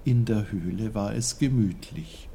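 A man narrating a children's storybook in a slow, expressive reading voice. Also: fairly low pitch, vocal fry, a little hiss or hum.

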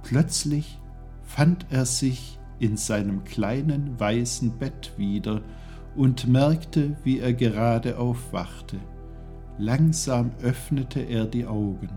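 A man reading a children's story aloud as narrator, slow and gentle. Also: medium pitch, faint music behind.

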